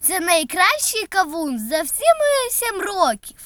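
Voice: extremely high pitch, sing-song, measured pace, fairly bright tone, dry recording, pitched above the performer's own voice, heavily acted. A storyteller voicing a curious seven-year-old boy in a children's storybook reading. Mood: happy.

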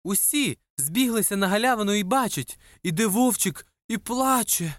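A woman telling a children's story, her voice rising and falling in a lively way as she speaks straight to the child listening. Her pitch sits mid-range. The recording is dry and close. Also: moderate pace, no room sound. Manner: expressive, addressing the child listener.

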